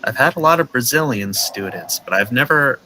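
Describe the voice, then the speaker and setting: A man from the teaching a beginner English class over a video call, patient and clear, with a friendly welcoming manner. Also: mid-range voice, lively intonation, normal speed, bright, forceful tone, slight background noise, poor audio. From United States, Minnesota. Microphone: video call headset or webcam mic.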